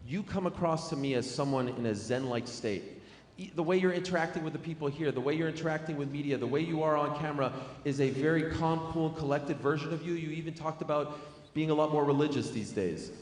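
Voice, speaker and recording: A man's voice: on the high side, quick pace. Upbeat man moderating in echoey hall. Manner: upbeat, chatty, playful. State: losing his voice. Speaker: press conference host. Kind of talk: press conference moderating, hype introductions. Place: large echoey press room. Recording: echoey hall, faint ambience.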